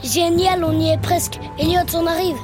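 A woman's voice: extremely high pitch, steady tone, normal speed. An eager young boy. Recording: music behind.

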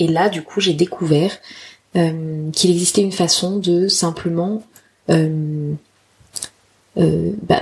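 Female podcaster, 30, slightly low register, informal and self-deprecating, gropes for words. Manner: candid, self-deprecating, slangy. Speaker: podcast host, photographer. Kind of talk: casual solo podcast monologue.

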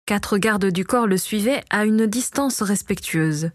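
A woman reading a fantasy novel aloud as narrator, in a steady storytelling voice, close to the mic. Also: medium pitch, measured pace, no room sound. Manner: steady, even storytelling read. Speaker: audiobook narrator. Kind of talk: scripted narration.

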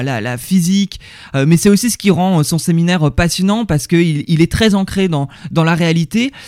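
A man's voice: sits high, a little mellow, dry recording, clean studio sound. A man talking casually and directly to the listener, often hesitating and repeating words as he explains what he learned at a seminar. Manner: chatty, addresses the listener directly. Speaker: vlogger reviewing a seminar. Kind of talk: casual talk to the viewer.

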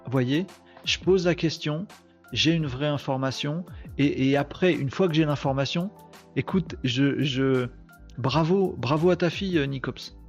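A man hosting a casual live stream, reading viewer comments and chatting in an animated way. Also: on the high side, measured pace, muffled recording, soft background music.

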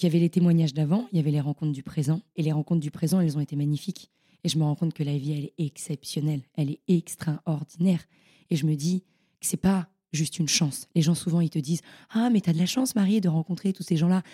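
A young woman, a podcast guest, telling her stories in a casual, animated and slangy way. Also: deep voice, fast. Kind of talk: casual storytelling interview.

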